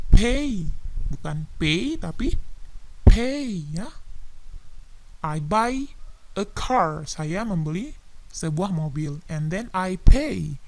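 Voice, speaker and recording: A woman teaching English vocabulary, slowly repeating each word and stressing plosive sounds. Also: mid-range voice, a little mellow. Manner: slow, repetitive drilling, stresses plosive sounds. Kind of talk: vocabulary drill lesson.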